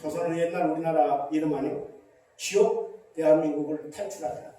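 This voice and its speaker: A middle-aged Korean pastor preaching a sermon with emphatic rhetorical questions, recorded in a large church hall. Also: male voice, fairly high pitch, fairly even intonation, fairly quick, mellow. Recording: very echoey church hall, distant mic.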